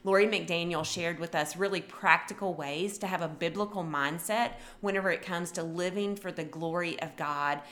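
A woman's voice: on the low side, normal speed, hardly any pauses, fairly bright tone. A woman hosting a devotional podcast, speaking in an encouraging, earnest way as she introduces an episode. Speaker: podcast host. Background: faint music.

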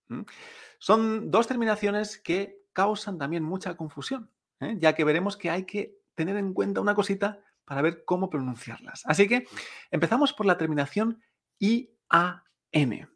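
A man's voice: high voice, fairly bright tone. A man teaching Chinese pronunciation, who explains patiently, spells out letters and checks in with the listener. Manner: patient, spells out letters and adds tag questions. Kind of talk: pronunciation lesson.

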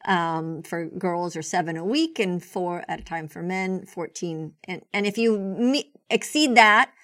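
A woman's voice: lowish voice, fairly bright tone. Chatty woman host from Israel. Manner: chatty, laughs easily, halting. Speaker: podcast host. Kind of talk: podcast conversation.

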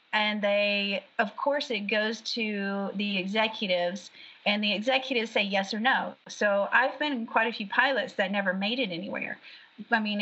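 A woman, an actress and background artist, chatting in an interview in an animated way with quick restarts. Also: medium pitch. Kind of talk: casual interview chat. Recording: dull lo-fi audio.

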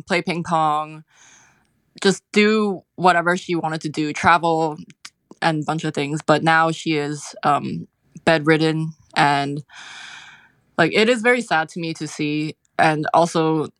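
A woman in her twenties from Hong Kong appears as an interview guest, speaking in a low-pitched, slightly bright voice with no room sound. She is reflective and hesitant, filling her speech with words like "like."

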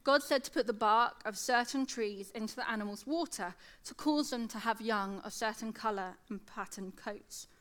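With few pauses and at normal speed, a secondary school teacher in her thirties reads scripture and gives a devotional talk, in the manner of a sermon. Her voice is a little high and fairly bright, and a lateral lisp slurs her s sounds.

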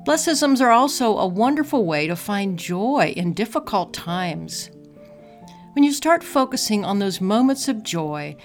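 A woman narrating a guided meditation in a soft, calm, soothing manner. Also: mid-range voice. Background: music.

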